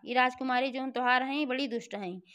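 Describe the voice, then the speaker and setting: A stubborn, demanding frog suitor from a village folk tale, as a woman storyteller puts him on. The voice sits high and smooth, with blunt, pushy phrasing and a Bhojpuri-inflected accent. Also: fairly quick, fairly bright tone. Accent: Bhojpuri-inflected Hindi. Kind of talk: devotional folk tale telling.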